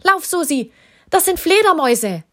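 A woman's voice: medium pitch, animated, normal speed, darkish tone, breathy edge. A woman voicing a kind, protective king from a children's story who talks earnestly and is a little easily frightened. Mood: alarmed. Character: kind, slightly fearful male king.

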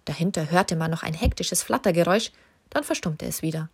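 Husky, low-voiced woman reading a children's story. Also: fairly quick. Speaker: narrator.

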